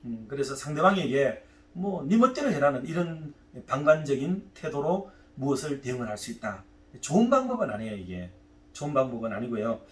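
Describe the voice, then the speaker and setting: A pastor delivers an animated, conversational sermon in a church sanctuary, posing rhetorical questions as he goes. His voice is medium-pitched and brisk, picked up from a distance in the echoey hall.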